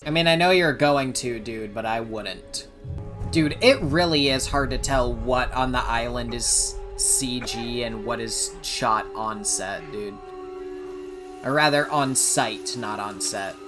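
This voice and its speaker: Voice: mid-range voice, slow pace, over music. A host giving casual, slangy reaction commentary on a TV episode, exclamatory and self-deprecating.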